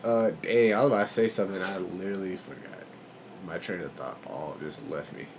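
A man's voice: low voice, brisk, a little hiss or hum. A man co-hosting a podcast in casual, comedic chat, slangy, rambling and playful. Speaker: podcast co-host.

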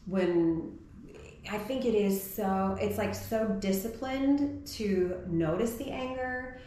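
A woman co-hosts a podcast, musing thoughtfully in reflective conversational chat and often posing rhetorical questions. Her mid-range voice is mellow and slow-paced. The room is very echoey, with faint noise.

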